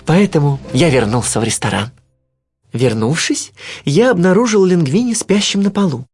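Man, storybook reader, lively swooping pitch, faint music underneath. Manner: expressive, first-person storytelling. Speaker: narrator. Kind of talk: storybook narration.

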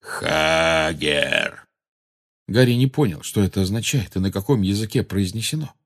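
A man narrating an audiobook with steady, dramatic storytelling. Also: lowish voice, fast talker, husky. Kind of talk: scripted narration.

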